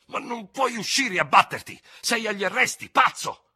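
A man's voice: medium pitch, very animated, a little fast, sharp tone, husky, pitched above the performer's own voice, full character voice. A man reading aloud voicing a cool, contemptuous young staff officer who speaks with exasperated disdain. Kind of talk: dramatic audiobook reading.

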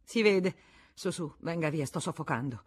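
A narrator voicing a bitter, scheming older spinster in a storybook reading, short of breath. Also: female voice, low-pitched, animated, moderate pace, husky. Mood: urging. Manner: vehement, spiteful, breathless outbursts. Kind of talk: audiobook character voice.

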